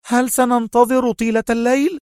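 A cruel female spy with a high, sharp and tense voice, snapping her lines, as a man puts her on for a storybook reading. Close, dry sound. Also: animated, a little fast, no room sound.

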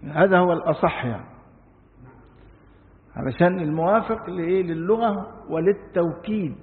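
An Egyptian sheikh gives a religious lesson, reading classical lines and then explaining them casually with questions to his listeners. His voice is high. The sound is thin and phone-like, with a long hall echo behind it. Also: normal speed. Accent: Egyptian Arabic. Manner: reads classical passages, then explains in colloquial speech with rhetorical questions. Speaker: sheikh teaching Quran commentary.

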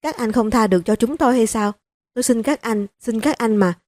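A woman's voice: moderate pace, a little mellow, no room sound, natural voice. A woman voicing a grieving elderly mother-in-law who pleads and sobs through her words, in an audiobook reading. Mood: sobbing plea. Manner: sobbing, begging, high-pitched.

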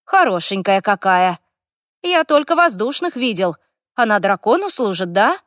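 A naive young male elf, easily dazzled, voiced by a woman reader. His voice sits higher than the narration and tumbles out in eager questions. Dry, close audiobook sound. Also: big pitch swings, normal speed, a bit bright, dry recording. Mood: awed. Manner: eager, wide-eyed questions. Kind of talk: audiobook character voice.

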